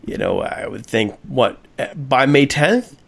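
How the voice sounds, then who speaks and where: A man's voice: mid-range voice, very animated, measured pace, creaky. A man hosting a sports talk radio show, speaking directly and addressing his listeners as folks.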